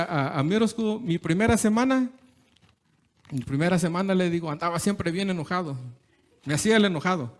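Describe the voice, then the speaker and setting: A man preaching an informal sermon, often checking in with "¿verdad?" and mixing in English words. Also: fairly high pitch. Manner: conversational, keeps asking "¿verdad?", slips into English words; hesitant restarts, chuckles between phrases.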